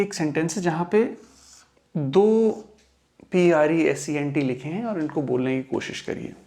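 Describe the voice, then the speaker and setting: A young man teaching English pronunciation in Hindi, slowly sounding out example words and sentences. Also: fairly high pitch, gravelly, a little mellow. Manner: slow, careful word-by-word demonstration. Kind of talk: explaining lesson in Hindi.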